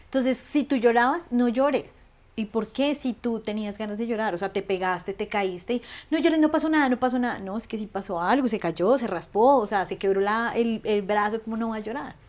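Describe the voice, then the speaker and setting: A woman, chatting as an interview guest in an animated way, laughing often. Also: medium pitch, normal speed, hardly any pauses. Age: 30s. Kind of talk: casual conversational interview.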